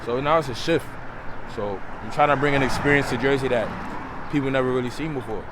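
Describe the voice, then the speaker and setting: A man's voice: mid-range voice, fast, noisy background. A man in his twenties from Brooklyn, a DJ and promoter, talking loosely and slangily as an interview guest, recorded outdoors by a street. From Brooklyn, New York. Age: 20s. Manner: loose, slangy, rambling storyteller.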